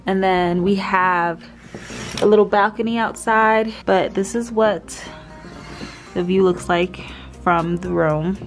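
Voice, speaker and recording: A woman's voice: mid-range voice, fairly even intonation, slow, soft background music. A woman vlogging casually from a mountain rental cabin, chatty and correcting herself, short of breath. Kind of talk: casual vlog narration.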